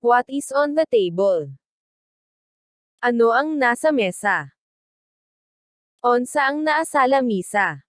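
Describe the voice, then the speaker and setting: A woman teacher reads short phrases in a very slow, careful drill. Her voice sits fairly high, and the recording is dry and close. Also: lively intonation, dry recording. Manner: reads each phrase slowly and deliberately. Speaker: language teacher. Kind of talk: slow read-aloud translation drill.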